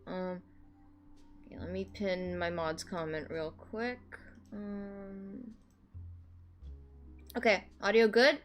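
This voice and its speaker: A woman livestreamer chatting casually in a cute, excitable, giggly anime-streamer way, rambling as she goes. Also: mid-range voice, slow, long pauses, soft background music.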